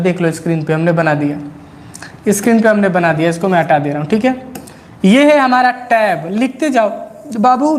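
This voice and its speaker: A man teaching computer basics. He repeats key points and teasingly scolds his students. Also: high voice. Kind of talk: classroom-style lesson.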